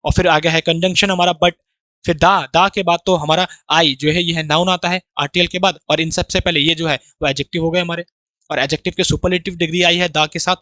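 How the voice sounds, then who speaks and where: Man, grammar teacher, high pitch, bright tone, step-by-step explanations. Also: steady tone, dry recording. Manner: explains slowly, reads English sentences word by word then explains them. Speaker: English teacher. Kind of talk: exam-prep grammar lesson.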